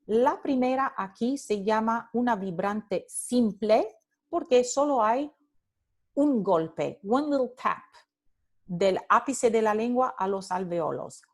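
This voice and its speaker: A woman's voice: fairly high pitch, lively intonation, takes it slowly. A woman lecturing on phonetics over slides, explaining patiently, repeating example words to demonstrate sounds and adding short English asides for her students. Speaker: Spanish phonetics instructor.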